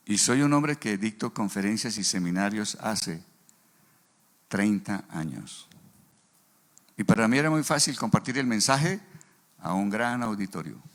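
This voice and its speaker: Gravelly pastor preaching. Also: male voice, lowish voice. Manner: animated storyteller, acts out dialogue. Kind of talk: sermon with storytelling.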